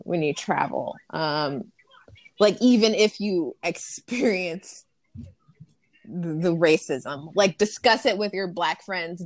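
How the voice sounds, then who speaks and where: A woman's voice: fairly low pitch, no echo. A woman talking frankly and bluntly in a casual conversation, swearing freely.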